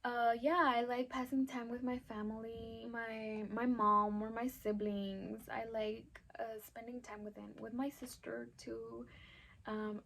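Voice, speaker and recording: A woman in her twenties with an El Paso Texan accent, talking casually to camera in a Q&A, with lots of "um"s and "like"s. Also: fairly high pitch. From Texas, USA. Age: 20s. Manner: chatty, many "um"s and "like"s. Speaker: vlogger.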